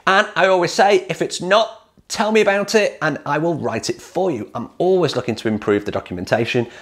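Man, 40s, lively sales-pitch vlogger, animated delivery, close studio mic. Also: fairly quick. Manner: energetic, upbeat salesman pitch. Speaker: hot tub builder selling plans. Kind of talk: direct-to-camera promo talk.

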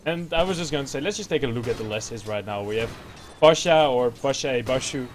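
A man with a Dutch accent giving excitable play-by-play commentary on an esports match. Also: mid-range voice, brisk, slight background noise. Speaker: esports caster.

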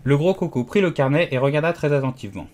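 A man narrating a children's classic as an audiobook, telling the story calmly. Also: on the high side, quick pace. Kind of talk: scripted narration.

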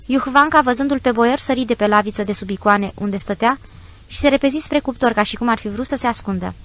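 A woman reading a classic story aloud as an audiobook narrator, measured and descriptive. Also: on the high side, a bit bright. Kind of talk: scripted literary narration.

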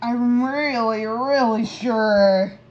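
A gentle little cartoon character. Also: female voice, on the high side, extremely slow, muffled recording. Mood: tender. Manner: soothing, tender bedtime talk. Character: small young cartoon character, gentle and caring. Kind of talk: animated children's show voice acting.

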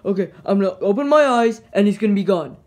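A man's voice: sits high, expressive, fast talker, noisy background. A man voicing a whiny, childish little shark toy in an amateur puppet show. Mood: panicked.

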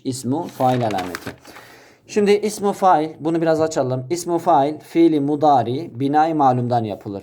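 Guy teaching a grammar lesson, warm low-key voice, keeps asking then answering himself. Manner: explains step by step, asking and answering his own questions; addresses listeners as brothers. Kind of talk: recorded classroom lesson.

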